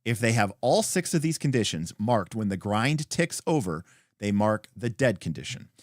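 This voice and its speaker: As host, a man with a fairly low voice reads a game rulebook aloud, his intonation swinging widely. His phrasing is emphatic and deliberate, broken by brief explanatory asides, and the recording is dry with hardly any room sound.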